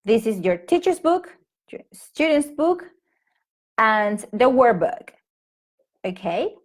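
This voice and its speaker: A woman in her thirties from Peru speaks slowly in a slightly high, sing-song voice with a Peruvian Spanish accent. She's chatting casually to English teachers on a live stream from home via a laptop or phone mic, often using fillers and starting over.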